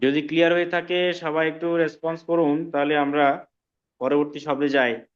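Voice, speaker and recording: A man teaching an online language class, explaining slowly and often checking that students follow. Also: fairly high pitch, flat delivery, dull audio. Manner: slow, patient explaining with frequent check-ins to students. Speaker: Sanskrit teacher.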